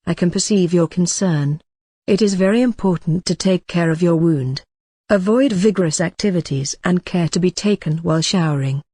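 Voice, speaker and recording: A woman playing a reassuring ward nurse in a scripted role-play, speaking gently, calmly and rather formally. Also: fairly low pitch, normal speed, slightly rough, dry recording. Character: reassuring female ward nurse counselling a patient. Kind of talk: scripted role-play dialogue for exam practice.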